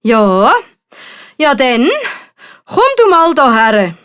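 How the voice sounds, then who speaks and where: A huge old-world storybook dragon, acted out by a woman, gruff and imperious. He challenges slowly, with a growl in the delivery. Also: on the high side, sing-song, fairly bright tone, full character voice. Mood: challenging. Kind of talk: storybook character voice.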